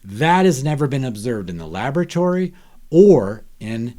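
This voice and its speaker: A man's voice: medium pitch, big pitch swings, moderate pace, mellow. Emphatic older man, preachy podcast guest. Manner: emphatic, preachy, rhetorical questions. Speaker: guest author.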